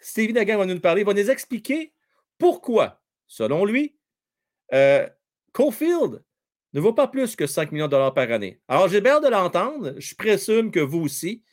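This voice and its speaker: A man with a Québécois accent calls hockey on his live stream, his fairly high voice leaping up and down in pitch as the play swings. He bursts into shouts at scoring chances, then drops back to casual banter with his viewers. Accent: Québécois French. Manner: animated, shouts at big plays, chats with chat viewers. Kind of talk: excitable live play-by-play commentary.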